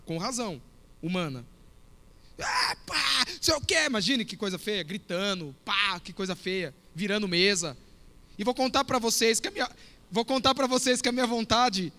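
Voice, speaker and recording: A youth pastor preaching with a high, bright, forceful voice. He talks casually and tells stories, speaking straight to the young people in front of him. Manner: storytelling, conversational, addresses audience directly. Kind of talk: sermon.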